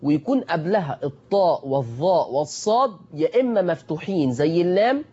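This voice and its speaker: A man's voice: fairly high pitch, animated, fairly quick, warm tone, breathy edge, muffled recording. A man with an Egyptian Arabic accent teaching a Quran recitation lesson. He asks his students questions, answers them himself and repeats the key points. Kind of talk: tajweed lesson.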